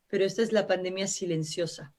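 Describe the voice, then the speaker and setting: On live radio, a guest expert from Brazil speaks Spanish with a Brazilian accent, Portuguese being her native language. She talks fast in a lowish, slightly mellow voice with fairly even intonation, explaining earnestly and restarting often.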